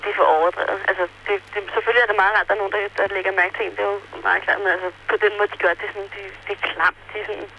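Young woman, teenage traveler, bright voice, hesitant and chatty, phone line, faint hiss. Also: mid-range voice, flat delivery, creaky, few pauses. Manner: hesitant, many fillers, chatty. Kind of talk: phone interview.

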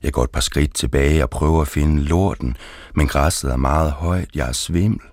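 A man reading his poetry aloud, slow and deliberate. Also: very deep voice, darkish tone, no echo, clean studio sound.

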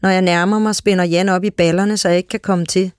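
A reader narrating a literary short story aloud in a calm, steady way. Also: medium pitch, clear, resonant tone, dry recording, clean studio sound.

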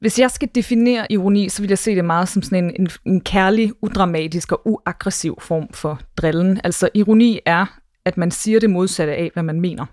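A woman's voice: fairly low pitch, darkish tone, no room sound, clean studio sound. A woman who is a stand-up comedian, explaining ideas articulately in an interview.

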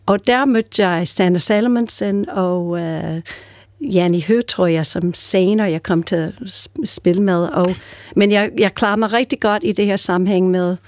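A woman's voice: medium pitch, a little mellow, no echo. An older woman from the United States with an American accent, chatting as a guest and telling stories with many fillers and restarts. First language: English. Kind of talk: casual chat.

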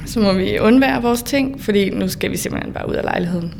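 A woman telling a personal story for radio in a measured, plain way with small hesitations. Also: mid-range voice, vocal fry, darkish tone, slight background noise. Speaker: storyteller recounting a hitchhiking trip. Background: faint music under the voice.

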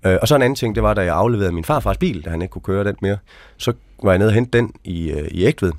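A man's voice: fairly low pitch, expressive, darkish tone, no echo. A man, an army veteran, telling his experiences as an interview guest in a frank, conversational way, often tagging sentences with questioning asides. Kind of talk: casual storytelling.

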